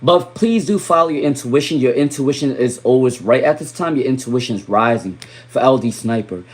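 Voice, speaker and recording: A young adult man from Rhode Island giving live tarot readings on a stream, repeating viewers' names and muttering softly while he draws cards. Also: medium pitch, lively intonation, fairly quick. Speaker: tarot reader.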